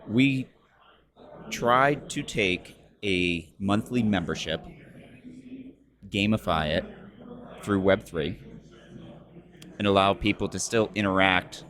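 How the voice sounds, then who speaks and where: A man's voice: deep voice, slow pace, pauses often, fairly bright tone. A man on a casual podcast, chiming in with short, wry remarks.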